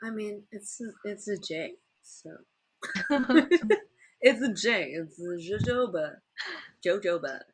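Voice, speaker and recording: A woman hosting a casual livestream chat, chatty and quick to laugh. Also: medium pitch, animated, husky. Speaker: livestream host.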